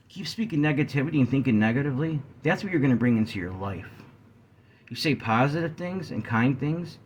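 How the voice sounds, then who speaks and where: Guy doing a serious talk to his viewers, lively up and down voice, keeps clearing his throat, bit of faint background noise. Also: mid-range voice. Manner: earnest, addresses viewers as guys; frequent throat clearing, yawning. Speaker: vlogger. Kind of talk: talking-head discussion to viewers.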